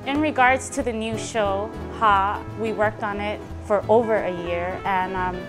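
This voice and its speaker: A young woman from Fiji, a student lighting technician, speaks in a soft, filler-laden documentary interview. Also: mid-range voice, fairly even intonation, a little slow. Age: young adult. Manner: soft-spoken with frequent "um" fillers. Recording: music bed under the voice.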